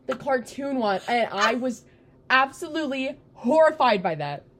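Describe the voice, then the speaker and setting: A young woman co-hosting a casual chat podcast, telling stories in an animated way and acting out her younger self. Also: high-pitched, normal speed, a little hiss or hum. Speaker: podcast co-host.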